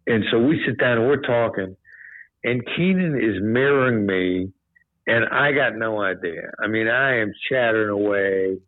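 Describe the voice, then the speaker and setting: A man's voice: lowish voice, normal speed, dry recording. Man on a tinny phone-like line. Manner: relaxed, repeats "you know", animated when quoting others. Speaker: guest, former hostage negotiator. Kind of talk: casual storytelling in a podcast chat.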